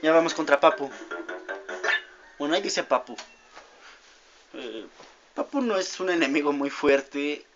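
A young man giving rambling gameplay commentary, easily distracted and yelling when things go wrong. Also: on the high side, expressive, measured pace, pauses often. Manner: rambling, easily distracted, shouts at game mishaps. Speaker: gamer. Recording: dull lo-fi audio with loud game music.

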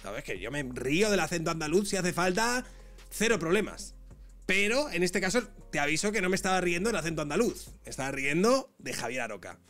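A man with a Madrid accent giving sarcastic, ranting commentary on clips as a streamer, swinging between loud outbursts and muttering. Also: sits high, sing-song, fairly quick, soft background music. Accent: Madrid Spanish. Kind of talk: casual reaction commentary.

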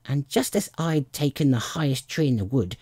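A storybook reader voicing an agitated female pigeon, indignant and contemptuous, complaining in a shrill manner. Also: animated, normal speed, dark tone, no room sound, clean studio sound, lightly acted. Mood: fretful complaint.

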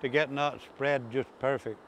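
A man's voice: mid-range voice, steady tone, normal speed, fairly bright tone, poor audio. An older man with an Ulster Scots accent, chatting casually and reminiscing in broad rural dialect. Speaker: interviewee recalling farm life. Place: outdoors on a grassy coastal path by the sea. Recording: clear outdoor ambient noise.

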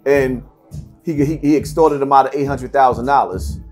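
A middle-aged man appears as a podcast guest, seated at a table indoors in front of a branded backdrop. His voice is medium-pitched and a little mellow at normal speed, giving blunt, emphatic answers and repeating phrases for stress. Faint music plays behind him.

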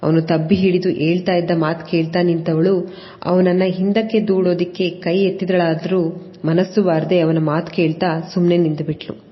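A woman telling a scripted serial story in a steady, dramatic way. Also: lowish voice. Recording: dull lo-fi audio with long reverb.

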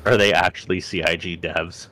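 A man with a notably deep, low voice chatting over voice chat while playing. He is laid-back and wry, dropping short comments about the game. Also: steady tone, moderate pace, gravelly, bright, forceful tone. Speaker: fellow player. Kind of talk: casual gaming chat.

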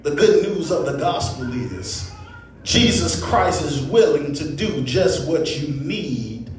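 A man preaches an impassioned, oratorical sermon to his congregation, using rhetorical repetition and building from measured phrases up to shouts. His voice is on the high side and expressive. It's captured in an echoey hall on a distant microphone.

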